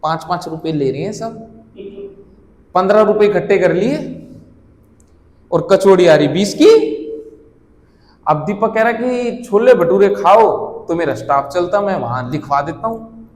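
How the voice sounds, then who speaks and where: Man, young adult, stand-up comedian, very high pitch, roomy hall echo, animated storytelling. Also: measured pace, pauses often. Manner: animated, acts out friends' lines, swears freely. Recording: echoey hall with long reverb.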